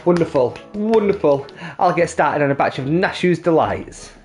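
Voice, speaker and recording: A doting young woman from a video game, sweet and gushing over everything, played by a man. Her voice is raised well above the performer's own pitch. Faint music runs behind. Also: animated, moderate pace, natural voice.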